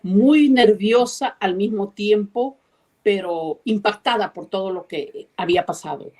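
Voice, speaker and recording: A woman's voice: mid-range voice, unhurried, a little mellow. A woman from Peru, a guest telling her story emphatically and repeating her key phrases. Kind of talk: animated storytelling.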